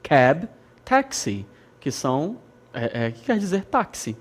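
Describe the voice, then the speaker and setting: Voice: mid-range voice, sing-song, moderate pace, husky. An English teacher from Brazil with an Amazonas accent, giving a recorded lesson, repeating key words and checking in with "ok?" along the way. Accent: Brazilian Portuguese, Amazonas. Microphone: studio lesson recording.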